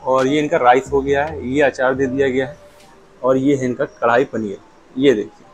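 Here the Lucknow food vlogger, a man in his thirties, speaks at a normal speed in a medium-pitched voice, with faint music behind him. Seated at a restaurant table with a lapel mic, he casually reviews the food for the camera, chatting about each dish between bites. The recording quality is low.

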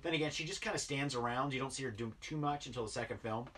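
Here's a man in his thirties, a toy collector vlogger, rambling casually as he unboxes toys in his indoor basement toy room. He talks fast in a medium-pitched, fairly bright voice, leaning heavily on fillers and gushing about the toys. He sits far from the mic, and there's a little hiss or hum.

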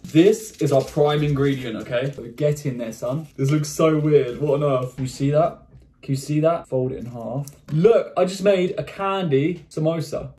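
In his bedroom, a young man vlogs a casual candy tasting in a slightly high voice, his words echoing around the room. He's excitable and jokey, cursing and exclaiming as he samples each piece.

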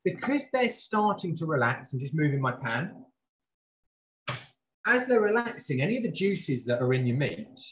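Hosting a live cooking demo on a video call, a male chef stands away from the camera in his professional kitchen and guides viewers clearly and casually through each step. He talks at a normal speed in a sing-song voice on the high side.

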